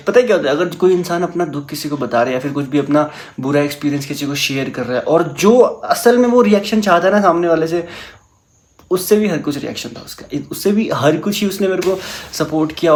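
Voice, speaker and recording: Young guy, slightly high voice, animated storytime chat. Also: a little fast. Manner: animated, mixes English into Hindi.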